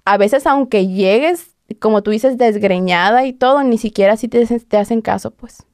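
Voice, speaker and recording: A woman's voice: on the high side, normal speed, a little mellow, no echo, studio quality. A young woman with a Mexican accent, a podcast guest telling her story casually with lots of fillers and acted-out quotes. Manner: conversational, heavy fillers, acts out quotes.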